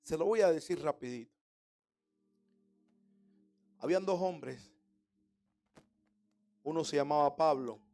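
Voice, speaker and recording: A man's voice: fairly high pitch, slow pace, pauses often, a little mellow, faint music behind. A middle-aged man, preaching a sermon with humor and rhetorical questions. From Panama. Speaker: pastor.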